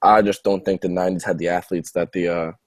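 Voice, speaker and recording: A man's voice: low-pitched, level tone, fast talker, no echo. A young man in his twenties chatting casually about sports, blunt and offhand.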